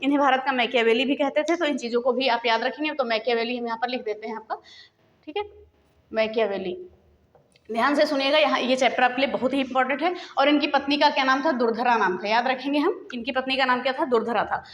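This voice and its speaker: A woman teaching an exam revision lesson at a brisk clip. Her voice sits high, and she drills each fact by asking it and then answering it herself. The room is echoey, with a long reverb trailing after her words. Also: steady tone, fairly bright tone. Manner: repeats key facts as questions and answers.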